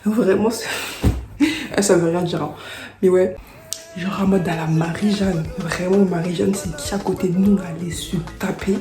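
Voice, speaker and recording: A young woman telling a storytime vlog in slangy, animated chat, dropping into whispered asides. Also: fairly low pitch, normal speed. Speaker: vlogger. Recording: roomy echo.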